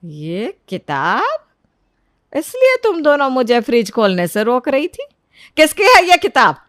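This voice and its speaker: A woman voicing a stern, sharp-tongued middle-aged mother-in-law in a cartoon story, with a commanding, scolding manner. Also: sits high, wildly swooping pitch, measured pace, no room sound, studio quality, voice pushed up, exaggerated voice. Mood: angry.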